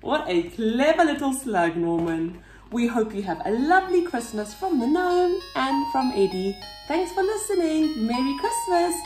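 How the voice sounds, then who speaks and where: A woman reading a picture book aloud to children in an expressive, sing-song way. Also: sits high, unhurried, roomy sound, faint music behind. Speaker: children's story reader.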